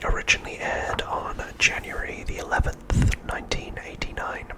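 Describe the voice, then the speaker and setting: Hushed and breathy, a man's unvoiced whisper carries an episode recap, delivered with the deliberate care of an ASMR host.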